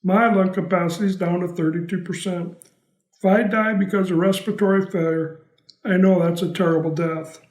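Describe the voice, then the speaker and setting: High-voiced man giving testimony, echoey. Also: steady tone, moderate pace, a little mellow. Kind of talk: prepared personal testimony, read out.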